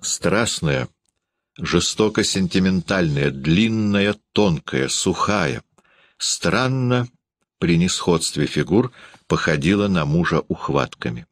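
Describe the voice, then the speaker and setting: A man with a very deep voice narrates a classic novel in an audiobook, with lively, wide-ranging intonation. The sound is dry and close to the microphone. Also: slow, no echo.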